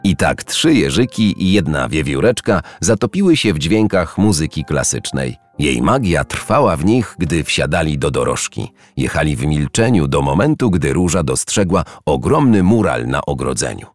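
Man, very deep voice, lively tune, storybook narration, dry close recording. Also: moderate pace, hardly any pauses, soft background music.

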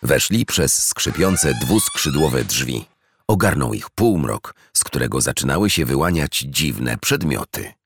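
A man narrating a children's storybook in an expressive, gentle storytelling manner. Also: rumbling low, measured pace, vocal fry, a little hiss or hum.

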